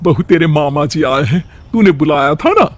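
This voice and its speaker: A man's voice: on the high side, animated, normal speed. A man voicing a worried, caring older village mother-in-law, fretful and affectionate.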